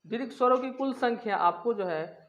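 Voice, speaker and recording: High-voiced man teaching a grammar lesson. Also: a little fast, a bit bright, lo-fi sound. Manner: repetitive, asks and answers own questions. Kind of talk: classroom-style lesson explaining grammar.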